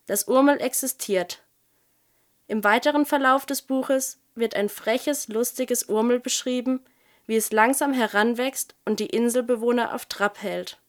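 A woman presenting a children's book and reading from it in a lively storytelling way. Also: fairly high pitch, unhurried. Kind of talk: book presentation with read-aloud excerpt.

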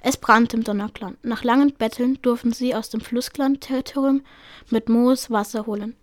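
A woman's voice: a little high, fairly even intonation, normal speed, no room sound, studio quality. A woman reading a book excerpt aloud with small slips, then giving a short review. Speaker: book reader.

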